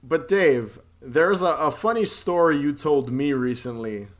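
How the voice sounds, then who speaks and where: A man's voice: a little high, lively intonation, unhurried. A man hosting a podcast in loose, laughing, casual banter with some profanity. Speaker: podcast host. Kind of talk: casual chat.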